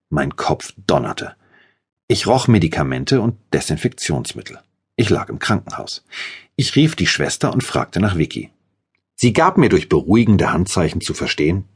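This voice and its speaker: Deep, husky male audiobook narrator. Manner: dramatic and intense. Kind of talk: scripted first-person audiobook narration.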